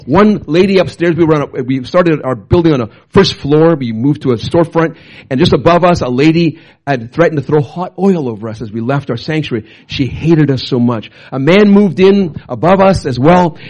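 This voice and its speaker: A middle-aged man, a pastor telling stories in an excitable, animated sermon. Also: lo-fi sound. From Canada. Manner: animated, excitable, jumps up and down in pitch. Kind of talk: storytelling sermon.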